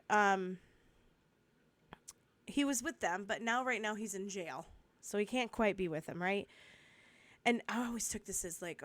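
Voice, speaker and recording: A woman with a cold and a cough, talking through a Bible study in a chatty, rambling way, with asides and restarts, and reading the verses slowly and steadily. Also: medium pitch, dry recording. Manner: reads scripture slowly and steadily. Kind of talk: casual Bible study talk.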